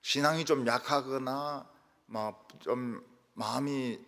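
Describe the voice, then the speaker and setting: An older man preaching a sermon as pastor, telling stories with lively asides and mimicking how people quarrel in regional dialects. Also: mid-range voice, slow pace, creaky. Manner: animated storytelling, acts out quarrels in regional dialects. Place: church sanctuary. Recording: reverberant church hall.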